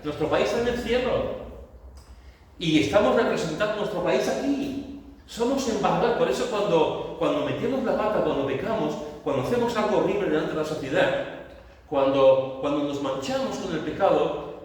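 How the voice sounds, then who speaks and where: A man's voice: high voice, expressive, normal speed, darkish tone. A man preaching a sermon as pastor, talking emphatically and repeating his key phrases as he builds toward exhortation. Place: church hall. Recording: echoey church hall, voice far off.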